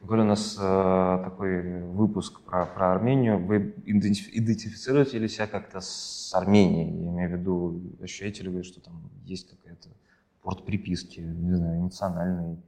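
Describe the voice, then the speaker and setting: Deep, dark-toned male interviewer. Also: steady tone, normal speed. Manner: tentative, rephrasing as he asks. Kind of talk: casual interview questions.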